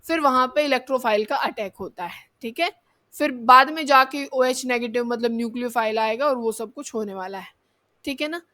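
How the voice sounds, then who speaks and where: High-voiced woman teaching chemistry. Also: fairly quick, bright, forceful tone. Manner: explains step by step, keeps asking students questions and answering them herself; addresses students as kids, checks in with "theek hai". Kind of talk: exam-prep chemistry lecture.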